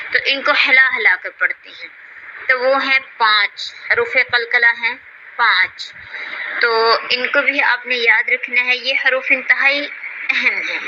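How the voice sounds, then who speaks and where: A woman's voice: fairly high pitch, lo-fi sound, background noise. A young woman, patiently teaching Quran reading and stretching out each letter name with care. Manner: drawn-out, carefully enunciated letter names.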